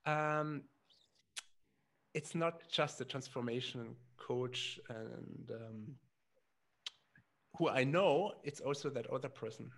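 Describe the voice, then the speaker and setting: Gravelly-voiced male podcast host. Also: mid-range voice, slow pace, long pauses, fairly bright tone. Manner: hesitant, many fillers and restarts. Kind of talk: podcast interview.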